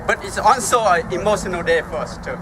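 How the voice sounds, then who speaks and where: A Vietnamese man in his fifties, with a Vietnamese accent, delivers a formal speech as guest speaker at an outdoor ceremony. He speaks slowly and haltingly, using emphatic pauses, in a high-sitting voice with lively intonation. Background noise can be heard.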